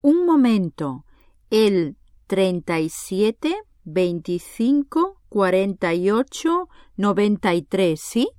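Carmen, a bright, sociable young woman in a language-exam dialogue. She speaks slowly and clearly, and her voice moves with lively expression. It is a dry studio recording. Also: mid-range voice, dry recording. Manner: clear, careful delivery, numbers read slowly.

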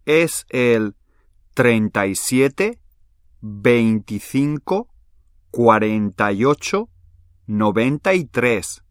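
Pedro, a cheerful young man chatting in a language-exam dialogue. He speaks slowly and carefully, and his voice rises and falls with lively expression. It is a dry studio recording. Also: medium pitch, no room sound. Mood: friendly. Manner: clear, careful delivery, numbers read slowly.

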